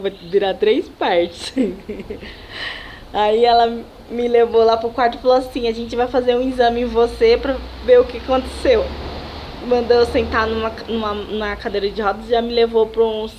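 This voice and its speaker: A young Brazilian woman chats to her camera in a slightly high voice, retelling a personal story with big emotion, quick laughs and acted-out dialogue. A faint hiss sits under the recording. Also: lo-fi sound. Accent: Brazilian Portuguese. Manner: animated, emotional retelling with laughs and dramatic quotes. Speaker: vlogger.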